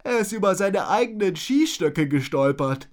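A man's voice: expressive, normal speed. A man voicing a snotty little robber child in a storybook who keeps sneezing mid-sentence. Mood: giggly. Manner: high voice broken by sneezes.

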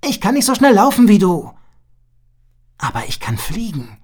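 A woman voicing a young male bird who is eager to prove his courage, in a high boyish voice. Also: very animated, normal speed, a little mellow, breathy edge.

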